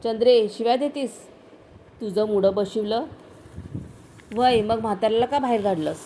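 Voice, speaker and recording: Woman doing a rough village guy, lovesick and pushy, rustic talk, noisy background. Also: a little high, normal speed, dark tone, natural voice. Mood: pressing. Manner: rustic village speech, urgent and pleading.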